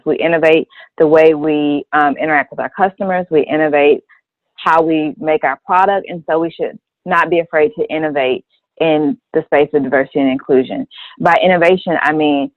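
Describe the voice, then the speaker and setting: A dry, narrow, phone-like recording of a woman on a discussion panel. She lays out her opinions deliberately and articulately, in a conversational style. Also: low voice, fairly even intonation, no echo. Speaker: panel guest.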